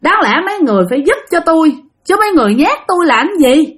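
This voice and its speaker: A woman's voice: mid-range voice, expressive, moderate pace, lightly acted. A woman voicing a bold older woman, who is tired and scolds spirits. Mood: exasperated. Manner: exasperated, brash.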